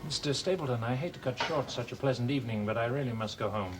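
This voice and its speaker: A man playing a polite young country gentleman, courteous and apologetic. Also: mid-range voice, fast talker, loud music behind the voice, close to an everyday voice, rough recording.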